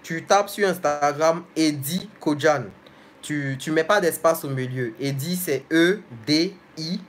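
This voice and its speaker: A man's voice: on the high side, unhurried, a bit bright, a little hiss or hum. A young man hosting a casual live stream, reading viewers' comments aloud and answering each one directly and familiarly.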